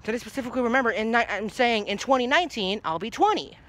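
Chatty high-voiced young man vlogging outdoors. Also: animated, fast talker, a bit bright. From New Jersey. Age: young adult. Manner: chatty, rambling, easily sidetracked, swears casually. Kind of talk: casual rambling vlog. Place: outdoors by a brick house in a grassy yard. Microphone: phone held low at arm's length.

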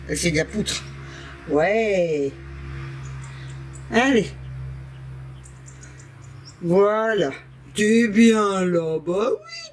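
A woman's voice: medium pitch, a little hiss or hum. A French woman vlogging at home, scolding and cooing at her cats in a chatty way and tagging "hein" onto everything. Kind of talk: casual vlog talking to her pets.

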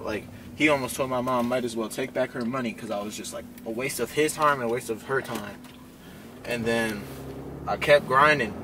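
Teen hooper, laid-back slangy talk, mid-range voice, car rumble behind, mic set back. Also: male voice. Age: teens. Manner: relaxed, slangy storytelling. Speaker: high school basketball player. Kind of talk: casual vlog talk. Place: in a car and a gym. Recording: distant mic, loud car noise. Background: car and street noise.

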